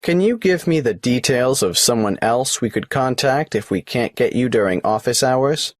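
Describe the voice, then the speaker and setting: A man's voice: mid-range voice, animated, normal speed, dry recording, clean studio sound, natural voice. An actor playing a polite, businesslike male tax office clerk who asks questions in a scripted exam dialogue.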